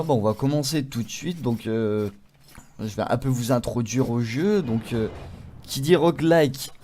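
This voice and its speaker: A man hosting a let's play video, giving casual gaming commentary, swearing freely and reacting loudly to the game. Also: mid-range voice.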